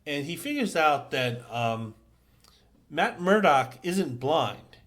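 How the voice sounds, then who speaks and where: Slow, halting man recapping comics. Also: on the high side, sing-song, fairly bright tone. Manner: halting, many fillers and restarts. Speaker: comic book reviewer. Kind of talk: casual recap.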